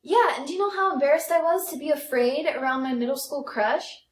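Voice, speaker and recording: A young American woman, co-host of a comedy podcast, talks a little fast in a high-pitched voice while chatting casually and sharing personal stories. The recording has a roomy, echoey podcast feel.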